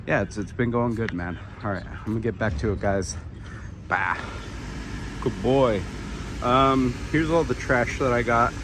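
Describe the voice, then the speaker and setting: A man's voice: medium pitch, a little hiss or hum. A man vlogging casually outdoors in a parking lot beside his vehicle, laid-back and chatty, with plenty of fillers. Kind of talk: casual vlog.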